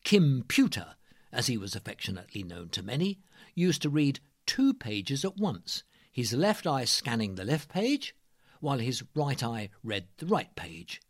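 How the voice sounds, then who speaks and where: A man reading scripted narration as a presenter, in a measured, emphatic way. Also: medium pitch, sing-song, no echo, clean studio sound.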